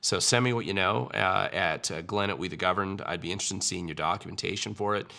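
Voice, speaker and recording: A low-pitched man with a gravelly, bright edge to his voice answers viewer questions on a livestream. His talk is casual and wry, full of ums and restarts. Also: fast. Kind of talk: casual political commentary livestream.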